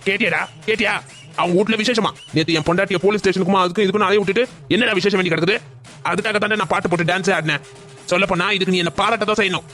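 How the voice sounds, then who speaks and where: A brash, mocking drunk father in a cartoon family drama, as a man plays him, talking very fast in a raised voice. He sounds defiant and boastful, and light music plays behind him. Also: high voice, steady tone, pushed and bright.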